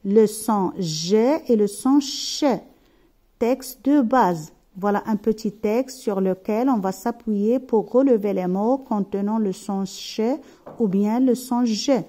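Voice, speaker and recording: A woman teaching a slow, careful phonics lesson, sounding out syllables and stopping to check that her students follow. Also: mid-range voice, warm tone.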